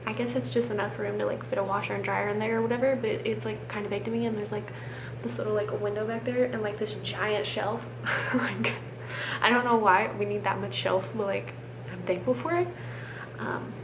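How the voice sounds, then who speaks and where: A woman's voice: medium pitch, fairly even intonation, a little fast. A young American woman chatting casually to camera, rambling and self-deprecating, sick with a swollen sore throat and keeping her voice down, sometimes to a whisper. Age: young adult. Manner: hushed, keeping quiet, at times dropping to a whisper. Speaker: vlogger. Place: room at home. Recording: roomy, noisy home camera recording.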